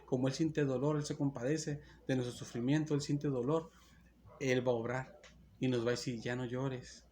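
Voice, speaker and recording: A male pastor delivering a sermon at a middle pitch, circling back to the same phrases with earnest insistence. He restarts and corrects himself as he goes. There is a faint hiss of background noise behind him. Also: fairly even intonation, normal speed, darkish tone. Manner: earnest, repetitive preaching with many restarts.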